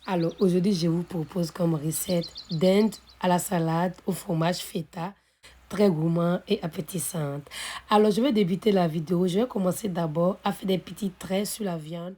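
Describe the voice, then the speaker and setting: A woman hosting a cooking video, calmly narrating each recipe step, her voice a little hoarse from being ill. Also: lowish voice, normal speed. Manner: calm, methodical, repeats set phrases. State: slightly hoarse from illness. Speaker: cooking channel host.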